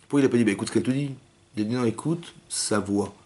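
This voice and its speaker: Animated man teaching a class. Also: on the low side, fast talker. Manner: animated, asks questions, acts out cries and quotes. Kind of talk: lively torah class, questioning students. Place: synagogue hall with young women students.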